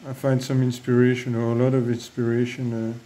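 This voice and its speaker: The recording is rough, and the man's medium-pitched voice sounds warm yet totally flat, moving at a brisk clip. Speaking with a French accent, he chats informally about his fish breeding for a hobby vlog, stumbling through fillers and false starts.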